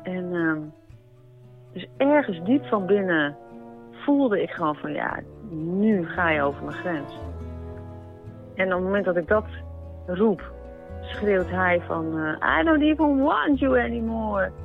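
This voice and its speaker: A woman giving a personal account in a reflective, halting way. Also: lowish voice, lively intonation. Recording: narrow radio-broadcast sound, faint music.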